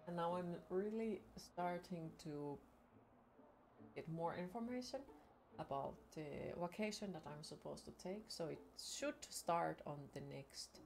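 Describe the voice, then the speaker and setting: A woman's voice: fairly low pitch, a little mellow, slight background noise. A young Finnish woman with a Finnish accent, chatting casually and sarcastically while streaming a game, swearing often. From Finland. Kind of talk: casual gaming stream chat. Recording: game music playing behind.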